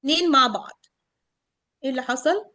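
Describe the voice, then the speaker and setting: Brief: middle-aged woman, Egyptian Arabic accent, high voice, patient pronunciation teacher who slows down on example words. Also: sharp tone, no echo. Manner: drawn-out model words. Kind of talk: online pronunciation lesson.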